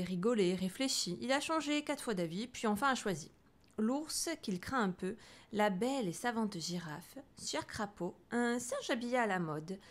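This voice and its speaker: A woman reading a children's picture book aloud, lively, with soft whispered asides. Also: on the high side. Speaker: storybook reader. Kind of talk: children's story read aloud.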